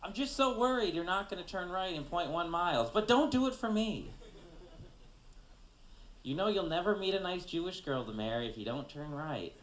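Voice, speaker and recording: A man's voice: sits high, animated, moderate pace, fairly bright tone, reverberant, slight background noise, pitched above the performer's own voice, rough recording. A man voicing a worrying old grandmother who speaks as a car's navigation device and guilt-trips the driver. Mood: worried. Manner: guilt-tripping, fretful.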